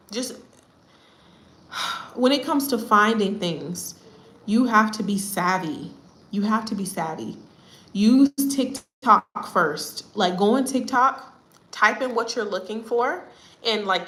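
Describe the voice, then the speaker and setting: An American woman vlogger tells stories in a casual chat, animated, chatty and often laughing. Her voice is mid-range, and the room gives a roomy echo.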